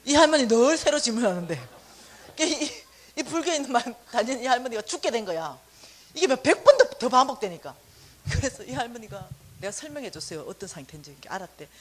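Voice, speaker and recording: A woman minister giving a testimony sermon, telling her story with animated storytelling and acting out the dialogue. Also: fairly high pitch, fast, slight background noise.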